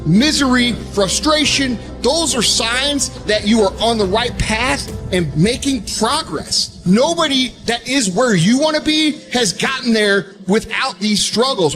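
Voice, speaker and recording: A man with a very high voice delivers a blunt, intense motivational monologue full of profanity. Prominent music plays behind him.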